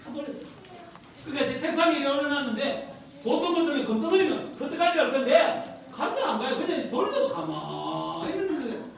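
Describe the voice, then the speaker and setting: A woman's voice: high-pitched, very animated, fast, gravelly. A woman pastor preaching a sermon, earnestly asking her congregation questions. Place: church sanctuary. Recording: echoey hall, distant mic, noisy.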